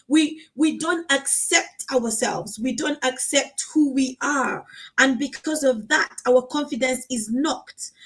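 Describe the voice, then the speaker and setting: A woman from Africa hosting a casual live conversation, talking in an animated, encouraging way and repeating phrases for emphasis. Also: high voice, rough recording. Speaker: host.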